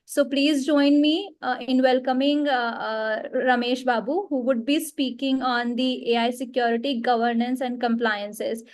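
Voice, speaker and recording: A woman hosting a webinar over a video call, halting and using many fillers. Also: high-pitched, fairly even intonation. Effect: heard over a video call. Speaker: host.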